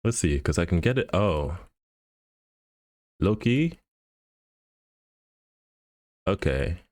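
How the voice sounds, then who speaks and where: A man's voice: low voice, animated, normal speed, a little mellow, no echo, studio quality. A man streaming live, thinking aloud and muttering to himself as he edits an animation in a casual, laid-back way. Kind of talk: casual livestream commentary while animating.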